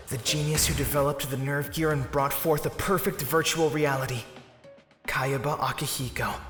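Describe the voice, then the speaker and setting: A man's voice: medium pitch, a bit bright, close to an everyday voice. A man voicing a determined young male gamer hero in an anime fan dub, with an earnest, dramatic delivery. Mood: grave narration.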